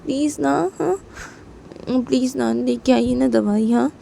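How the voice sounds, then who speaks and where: A woman doing a soft soothing mother. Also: sits high, measured pace, vocal fry, slight background noise, heavily acted. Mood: pleading. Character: gentle, soothing young mother.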